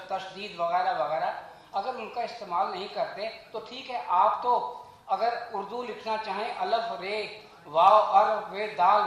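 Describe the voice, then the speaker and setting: Man, fairly high voice, measured and earnest speech at a launch event, very echoey hall. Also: fairly bright tone. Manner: measured, earnest, rhetorical, recites verse. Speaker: guest speaker at a book launch. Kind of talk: formal speech on language and pronunciation.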